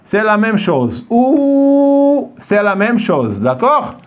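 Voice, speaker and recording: A man's voice: sits high, very animated, slow pace, fairly bright tone, highs cut off. A man teaching French in a classroom, patiently repeating words and asking often if the students follow. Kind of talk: classroom lesson. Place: classroom with a board.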